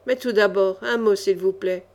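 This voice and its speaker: A woman's voice: medium pitch, steady tone, moderate pace, a little mellow, natural voice. Woman reading as a seething, growling baron. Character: jealous hot-tempered male baron, a henchman.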